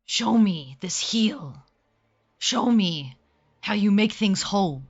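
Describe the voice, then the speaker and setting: A woman voicing a wary, territorial wolf in a tabletop game, speaking solemnly in short, slow, growling phrases. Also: medium pitch, animated, muffled recording. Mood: testing, demanding. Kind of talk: tabletop game role-play.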